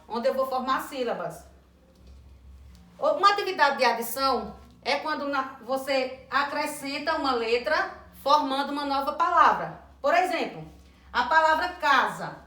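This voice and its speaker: Woman educator, high pitch, clear instructional delivery that spells out sounds slowly; roomy echo on the track. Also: sharp tone. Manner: slow, deliberate sounding out of words and letters. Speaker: teacher trainer. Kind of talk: instructional lesson on early literacy. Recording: echoey room.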